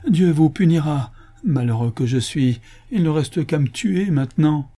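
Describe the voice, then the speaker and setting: A man voicing a poor, desperate man who whimpers and pleads in a high, wailing voice. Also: animated, moderate pace, mellow, husky. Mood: despairing. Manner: whimpering, high-pitched lament.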